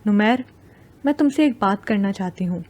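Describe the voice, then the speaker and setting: A woman's voice: mid-range voice, expressive, a little mellow, natural voice. Anxious lovesick young woman, read by a woman narrator. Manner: hesitant, fretful.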